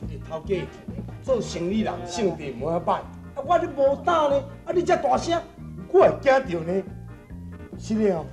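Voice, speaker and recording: An actress playing a market customer who haggles in a coaxing, bargaining way. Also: female voice, on the high side, sing-song, moderate pace, a little mellow, faint music behind. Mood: haggling.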